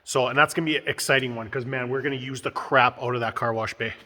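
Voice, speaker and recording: With crowd noise in the background, a stuffed-up but upbeat male vlog host talks quickly through a casual build, laughing often. His mid-range voice stays fairly even, echoing at length in the roomy indoor workshop house under renovation.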